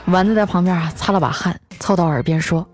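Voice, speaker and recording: A woman, telling comic everyday anecdotes in a lively, chatty way. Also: fairly low pitch, fast. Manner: lively, chatty, acts out quoted voices. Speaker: podcast host. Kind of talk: comic storytelling. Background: soft background music.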